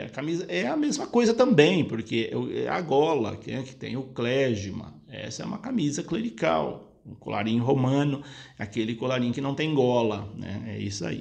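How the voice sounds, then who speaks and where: Gravelly priest explaining church practice. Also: male voice, medium pitch. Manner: explanatory, patient, repeats points for clarity. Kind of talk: casual spoken Q&A lesson.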